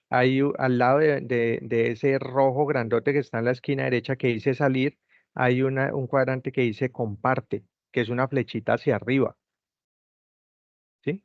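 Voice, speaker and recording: The man's voice is medium in pitch with no room sound, heard through dull, dry, lo-fi call audio. He guides students on a video call, patiently repeating each step of the instructions.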